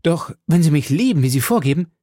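A man voicing an eager, infatuated young swordsman who speaks in a flattering, fervent way. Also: a little high, fast, dry recording, clean studio sound, voice pushed up.

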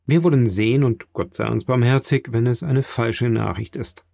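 A man's voice: mid-range voice, normal speed, vocal fry, mellow, no echo, lightly acted. A man reading a careworn older merchant father. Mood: disbelieving.

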